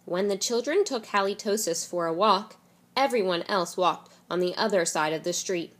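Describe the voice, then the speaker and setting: A woman reading a children's picture book aloud in an expressive storytelling way. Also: medium pitch, normal speed. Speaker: reader.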